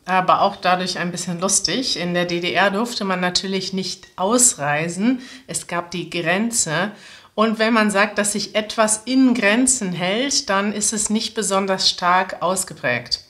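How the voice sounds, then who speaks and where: Slow-paced woman teacher explaining things. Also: mid-range voice, fairly bright tone. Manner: clear step-by-step explaining. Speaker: language teacher and presenter. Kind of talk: explaining jokes to language learners. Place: small room indoors, seated at a table.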